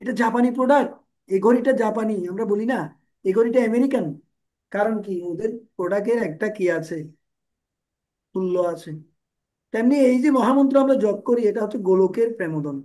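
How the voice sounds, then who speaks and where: A man giving a devotional class into a microphone, explaining with everyday examples and rhetorical questions, his throat strained from talking loudly. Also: high-pitched, brisk, long pauses. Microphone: handheld microphone.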